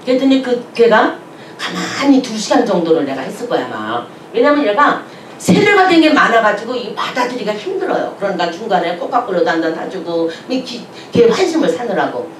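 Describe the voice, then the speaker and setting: Animated woman pastor telling a story. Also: medium pitch, brisk, slight background noise. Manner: lively, chatty, laughs while telling stories. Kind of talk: sermon with storytelling. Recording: echoey hall from a distance.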